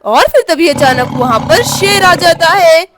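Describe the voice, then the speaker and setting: A woman's voice: very high-pitched, expressive, a little slow, background noise. A woman narrating a doll story in a chatty voice-over, addressing viewers as friends.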